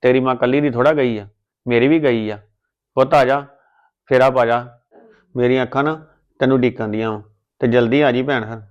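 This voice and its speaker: A man playing a gentle, consoling elder brother. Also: mid-range voice, fairly even intonation, a little fast, long pauses, clean tone, lightly acted. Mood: coaxing. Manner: soothing and coaxing. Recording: slightly dull recording.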